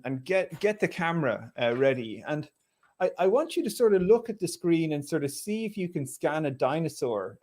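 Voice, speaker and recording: A man with an Irish accent hosting a relaxed conversation, talking in a chatty way with lots of fillers and restarts. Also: on the high side. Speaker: host. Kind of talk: casual conversational talk.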